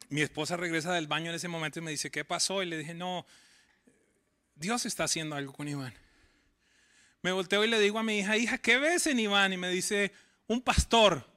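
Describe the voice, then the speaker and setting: A man preaching a sermon with a high, bright voice. He pleads through rising questions and slips into quick, conversational storytelling. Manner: tells stories in a quick conversational voice. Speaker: pastor.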